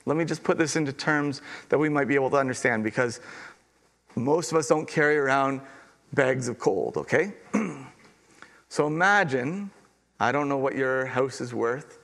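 Animated man preaching a sermon. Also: mid-range voice, moderate pace, gravelly, long pauses. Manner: conversational, animated storytelling with acted quotes. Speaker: pastor.

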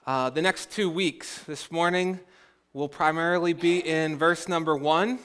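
A man's voice: fairly high pitch, steady tone, a little slow, a bit bright. A man preaching a sermon as a pastor, talking in a conversational way with self-deprecating humor.

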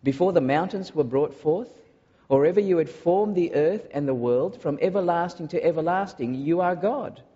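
A man from Malaysia preaching a sermon to a congregation, earnest and often pausing on filler uhs. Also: on the high side, dark tone, breathy edge. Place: large church hall. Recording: dull recording in a long-echo hall.

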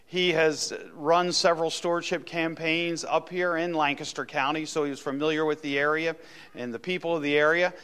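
A man's voice: a little high, little pitch movement, normal speed, a bit bright, smooth. A man speaking as a pastor, addressing his congregation in an introduction for a guest speaker.

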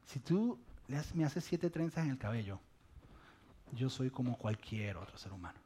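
Figure: a man doing a worn-down, gullible strongman. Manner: low, quiet, resigned. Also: animated, normal speed, a little hiss or hum, natural voice. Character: strong but gullible man, weary and giving in.

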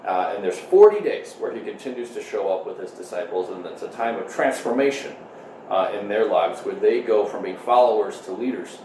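A man in his thirties, a pastor giving a conversational sermon and prayer streamed online from home, pausing often with "uh". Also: fairly low pitch, expressive, recorded from a distance, background noise. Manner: conversational, full of "uh" fillers. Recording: echoey room.

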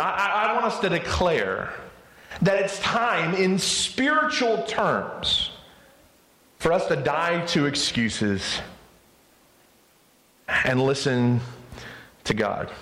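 A man's voice: high-pitched, a bit bright, reverberant, rough recording. A male pastor preaching a sermon in an earnest way, often stammering into restarts.

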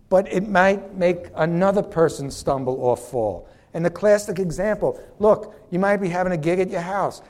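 Middle-aged man, pastor, fiery sermon, sweating, voice on the higher side. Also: a little mellow. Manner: impassioned, preachy, acts out little dialogues.

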